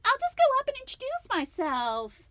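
Woman putting on a high bubbly storybook girl. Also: huge pitch swings, moderate pace, sharp tone, no echo, heavily acted. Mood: cheerful. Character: eager, lonely young female storybook character. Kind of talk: reading a picture book aloud.

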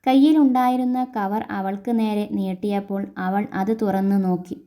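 A woman storyteller reading a love story aloud in a soft, emotional narrating voice. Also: mid-range voice, fairly even intonation, normal speed.

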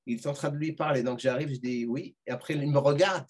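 A middle-aged man telling a personal story as a podcast guest, animated and full of restarts and repeated words. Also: medium pitch, fast, breathy edge. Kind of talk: casual storytelling.

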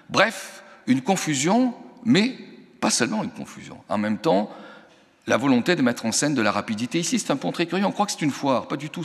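A man giving a public lecture in a large auditorium, speaking emphatically and thinking aloud with frequent restarts. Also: mid-range voice. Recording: long reverb of a lecture hall.

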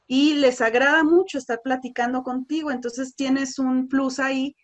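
A woman's voice: high voice, steady tone, moderate pace. A woman giving a sales training course, explaining step by step with fillers like "este" and "pues". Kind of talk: course presentation on customer service.

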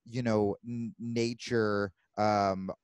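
Animated swearing male podcast host. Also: on the low side, clear, resonant tone, no echo. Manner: animated, swearing, quick asides. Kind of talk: casual chat.

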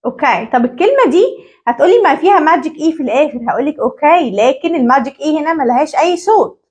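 A woman with an Egyptian Arabic accent teaching parents English syllables, drilling words by repeating them slowly. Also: high-pitched, lively intonation, a little mellow. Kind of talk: English phonics lesson for parents.

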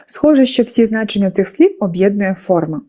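A woman's voice: medium pitch, animated, moderate pace, warm tone. A woman teacher narrating a scripted lesson for schoolchildren, explaining patiently and putting questions to her pupils.

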